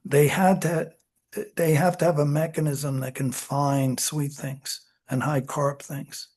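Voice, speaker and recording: Mellow-toned psychology lecturer. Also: medium pitch, level tone, takes it slowly, slightly rough. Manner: conversational, self-correcting, acts out examples in voices. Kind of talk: classroom lecture. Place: lecture room.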